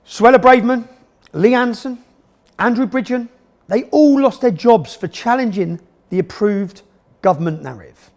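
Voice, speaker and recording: A man's voice: extremely high pitch, lively intonation, moderate pace, a little mellow. A man narrating a documentary in an emphatic, sarcastic manner.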